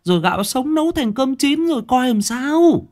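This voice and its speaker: A man reading a story, voicing a flustered middle-aged village mother who scolds her son in a high, sharp voice. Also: expressive, moderate pace. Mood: scolding. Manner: scolding, shrill.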